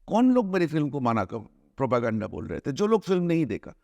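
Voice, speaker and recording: A man's voice: mid-range voice, very animated, gravelly, a little mellow, no room sound. Earnest argumentative man, dry close sound. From India. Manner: earnest, argumentative, with frequent restarts and drawn-out hesitations. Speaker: film director, interview guest. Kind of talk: conversational interview, mixing Hindi and English.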